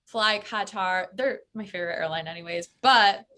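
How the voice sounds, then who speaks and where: Chatty American woman, bright voice. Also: mid-range voice, moderate pace. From United States. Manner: chatty, many fillers like "like" and "um". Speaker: guest, solo travel expert. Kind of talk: casual interview chat.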